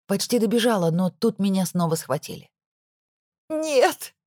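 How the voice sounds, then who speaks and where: Woman reading a story in first person, low voice, dry close sound. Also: lively intonation, normal speed, mellow, no echo. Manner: emotional, intimate storytelling. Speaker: audiobook narrator. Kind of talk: first-person audiobook narration.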